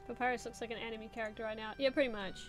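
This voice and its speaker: Talking very fast with music behind her, a young woman streamer draws and answers viewers in a slightly high voice with fairly even intonation. She rambles casually, dropping "like" and "um" constantly.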